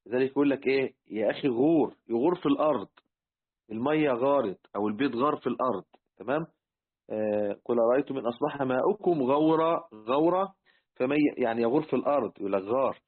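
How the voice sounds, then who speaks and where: A man with an Egyptian accent explaining word meanings in a patient, repetitive lesson, often checking "tamam?" and clearing his throat. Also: mid-range voice, fast. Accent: Egyptian Arabic. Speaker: Quran word-meaning teacher. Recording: tinny phone-like audio.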